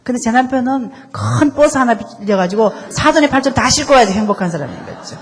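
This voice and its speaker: A woman's voice: on the high side, expressive, quick pace, slightly rough. A woman co-leading a lecture on marriage, telling wry stories about her husband and asking rhetorical questions. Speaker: co-lecturer, speaker's wife. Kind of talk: lecture with personal anecdotes. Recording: reverberant hall.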